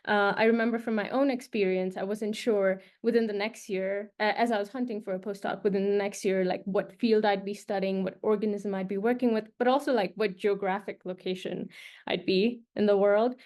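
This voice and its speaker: Speaking a little fast, this young postdoc from Nepal has a medium-pitched, slightly mellow voice with fairly even intonation. Her casual presentation to would-be postdocs is packed with fillers and restarts.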